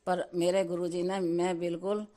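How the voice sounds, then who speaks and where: A woman's voice: on the low side, flat delivery, mellow. A middle-aged woman from Delhi giving a devout, repetitive testimony to her congregation, often breaking off words and starting over. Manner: devout, repetitive, many restarts; halting, cuts off words midway. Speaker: devotee sharing testimony.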